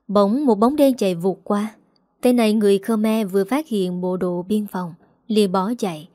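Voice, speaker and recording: A woman narrating a story in a steady, even reading. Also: mid-range voice, dry recording, clean studio sound.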